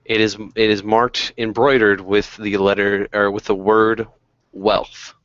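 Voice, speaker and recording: A young man narrating as game master, relaxed and filled with ums. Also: lowish voice, measured pace, no echo. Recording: dull dry lo-fi recording.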